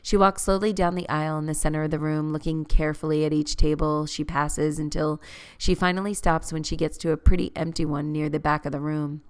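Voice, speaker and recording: Woman, deep voice, clear tone, audiobook narration, measured and gently expressive. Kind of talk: first-person audiobook narration.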